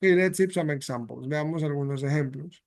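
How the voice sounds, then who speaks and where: High-voiced bilingual English teacher. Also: male voice, normal speed. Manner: mixes English and Spanish, repeats phrases with "¿ya?" and "¿ok?". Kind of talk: bilingual classroom explanation.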